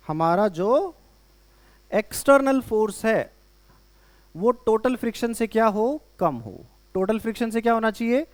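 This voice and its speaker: A man teaching a physics lesson on friction to a class, mixing Hindi with English terms and quizzing his students with questions. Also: high voice. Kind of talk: classroom lecture.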